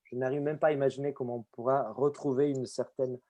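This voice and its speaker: Italian-accented guy, middle-aged actor, chatty and animated, average pitch. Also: quick pace. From Italy. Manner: expressive, animated. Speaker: actor and guest speaker. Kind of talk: casual conversation.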